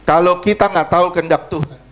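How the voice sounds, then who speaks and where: High-voiced male pastor preaching emphatically. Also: fairly even intonation, quick pace, low-quality recording. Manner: emphatic preaching with heavy repetition of phrases; conversational, personal testimony told to the congregation. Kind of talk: sermon.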